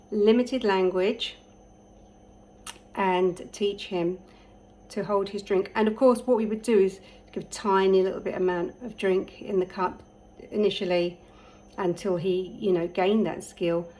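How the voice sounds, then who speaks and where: A middle-aged woman talks casually to camera as a parent. She shares advice through stories, filling pauses with ums and breaking into small laughs. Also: mid-range voice, steady tone, rough recording. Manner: warm storytelling, laughs often, many ums.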